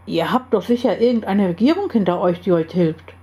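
Woman voicing a tense, doubting heroine, mellow tone, read-aloud story. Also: mid-range voice, expressive, brisk, lightly acted. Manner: tense, then resolute. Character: doubtful but determined young woman heroine.

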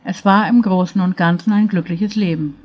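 Calm woman reading a fairy tale. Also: on the low side, slightly rough, dull audio. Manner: calm, measured, even reading. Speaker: storyteller.

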